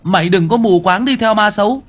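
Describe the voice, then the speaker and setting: A man's voice: sits high, brisk, a bit bright, husky, pitched above the performer's own voice. A man voicing a frightened young boy who stammers and repeats words in an audiobook story. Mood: pleading.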